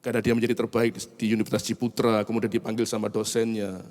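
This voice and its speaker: A man's voice: on the low side, level tone, fast talker, a little mellow. A middle-aged man, a pastor telling a story in his sermon and addressing the congregation directly. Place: large church. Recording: long church reverb.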